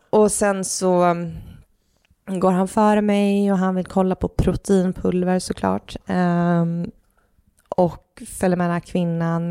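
A woman's voice: on the low side, creaky. A woman co-hosting a podcast, telling a personal story in casual chat, full of fillers and acted-out quotes of what others said. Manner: animated, acts out others' lines in quotes; heavy use of fillers like "liksom" and "du vet". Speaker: podcast co-host.

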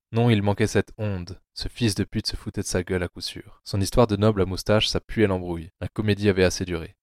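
A man narrating a dark audio drama adaptation in a measured, grim storytelling manner. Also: low voice, no echo, studio quality.

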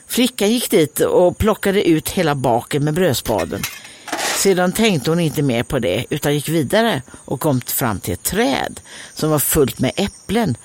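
A woman's voice: deep voice, big pitch swings, darkish tone, slight background noise. A woman with a Swedish accent reading a fairy tale aloud as a comedian, breaking off for joking asides. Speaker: comedian and host.

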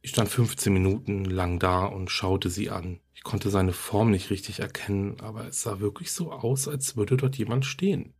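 A man with a deep, slightly breathy voice reads a horror story aloud. His delivery is calm and steady, like a podcast narrator easing listeners into a creepy night tale. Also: moderate pace, hardly any pauses.

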